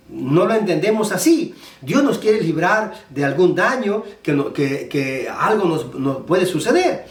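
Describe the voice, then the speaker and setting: Male preacher, chatty sermon w lots of restarts, church echo, mic a bit far off. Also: a little high. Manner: conversational preaching with many restarts and fillers. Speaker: pastor. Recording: echoey church hall, mic at a distance.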